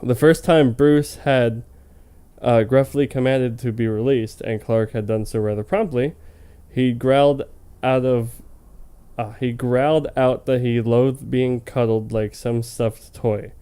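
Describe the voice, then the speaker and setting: Reading fan fiction for a comedy web series, this man has a medium-pitched, steady voice that is dark and clean, at a measured pace. He keeps it informal and funny, tripping on words now and then, tossing in jokes and readily cracking up.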